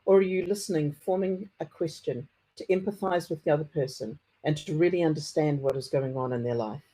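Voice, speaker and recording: A middle-aged conference speaker with a broad Kiwi accent and a soft, husky voice. The delivery is mellow and deliberate, explaining step by step, with a slight stutter now and then. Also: mid-range voice, rough recording. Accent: broad New Zealand. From New Zealand. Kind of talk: conference presentation.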